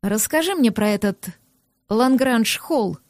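A gruff, reclusive man speaks in a low, hushed, soothing voice, as a woman reading the audiobook puts him on. The recording is dry and close. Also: expressive, slow pace, dry recording. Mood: teasing. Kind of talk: audiobook character voice.

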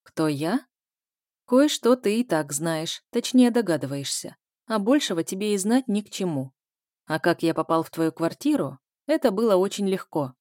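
A woman's voice: fairly low pitch, animated, normal speed, no echo, studio quality, close to an everyday voice. A woman voicing a hissing scarred killer. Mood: hissing menace. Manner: quiet hissing menace. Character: scarred man, cold cruel killer.

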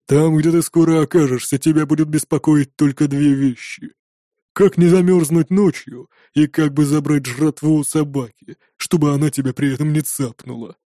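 A man's voice: on the high side, fairly even intonation, normal speed, warm tone, dry recording, clean studio sound, lightly acted. A man voicing a mocking male northern warrior who drawls with a smirk.

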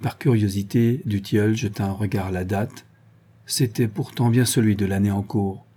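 A man reading an audiobook in an even, measured narration. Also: lowish voice, breathy edge. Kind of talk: scripted narration.

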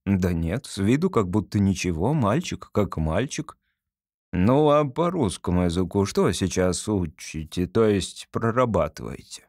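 A man's voice: sits low, very animated, unhurried, darkish tone, dry recording, studio quality, pitched below the performer's own voice, exaggerated voice. A man voicing an old Bolshevik father who questions his son cautiously and in bewilderment. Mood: bemused.

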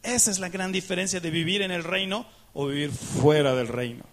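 Male pastor, high-pitched, emphatic, questions the congregation. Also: brisk, a bit bright. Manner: acts out dialogues with God in prayer. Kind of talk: sermon.

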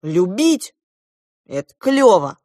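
A woman reading a storybook aloud and voicing a jealous, hot-tempered boy who shouts his retorts. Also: medium pitch, sing-song, a little slow, no room sound, studio quality, voice pushed up. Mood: defiant.

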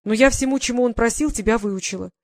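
A woman's voice: on the high side, fast, dry recording, studio quality, pitched above the performer's own voice, lightly acted. Woman voicing a fond widowed baroness mother. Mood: tender. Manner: gentle, motherly questioning.

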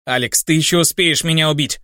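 Guilty young traitor, hurried and defensive, read by a male narrator, dry audiobook. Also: fairly high pitch, bright, forceful tone, no echo. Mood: pleading. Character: young man, guilty former friend, begging.

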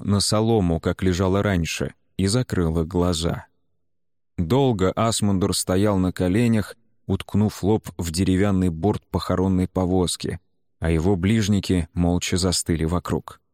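A man narrating an audiobook in a measured, even storytelling manner. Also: low-pitched, no room sound, studio quality.

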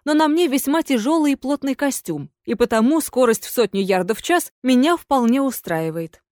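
A woman voicing a calm, courteous young gentleman who coldly outwits a ghost in a read-aloud story. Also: high voice, moderate pace, dry recording, studio quality, pitched above the performer's own voice. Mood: coldly mocking. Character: cool, polite, scheming young gentleman. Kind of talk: audiobook character voice.

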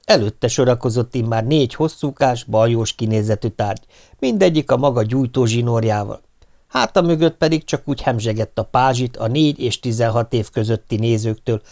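A man narrates a humorous first-person story with a wry, dry delivery. His voice has a gravelly edge. His pitch moves in a lively way as he reads. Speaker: audiobook reader.

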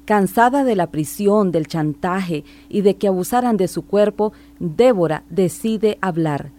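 A woman reading scripted narration for a radio report in a measured, solemn way. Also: mid-range voice, expressive, dark tone.

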